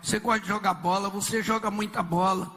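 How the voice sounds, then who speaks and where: A man voicing a streetwise young man, slangy and coaxing, in a lowered voice. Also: steady tone, a little fast, pushed and bright, in a large hall. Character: streetwise young man offering drugs, casual and pushy.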